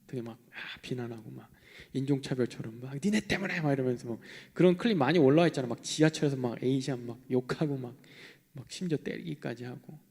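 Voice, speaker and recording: A young man preaching a sermon in an animated way, swinging between loud outbursts and hushed asides. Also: a little high. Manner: animated, acting out quoted voices, shifting between loud and hushed. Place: church hall. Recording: long hall reverb.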